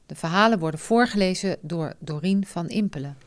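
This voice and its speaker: A woman reading the opening announcement of an audiobook in a slow, formal, clearly articulated way. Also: fairly low pitch. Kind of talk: read announcement.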